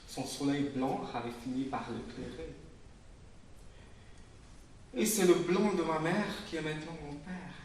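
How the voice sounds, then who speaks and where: Man reading aloud in an echoey hall. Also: darkish tone. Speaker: author reading his own work. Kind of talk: literary reading. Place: public reading in a literary venue. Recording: very echoey room, voice from far off, faint rumble.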